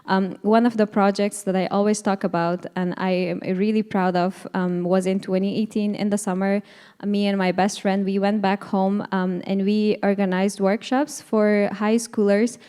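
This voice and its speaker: A woman, giving earnest personal testimony on a panel, often pausing with fillers and restarting her sentences. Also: mid-range voice, level tone, mellow, clear, resonant tone. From Afghanistan. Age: 20s. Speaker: panel speaker, advocate.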